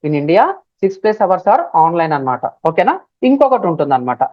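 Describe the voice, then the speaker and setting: A woman with a Telugu accent teaching a live online class, speaking loudly and repeating key phrases, sometimes spelling words out letter by letter. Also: lowish voice, very animated, fairly quick, no room sound. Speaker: digital marketing trainer. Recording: dull, dry lo-fi stream audio.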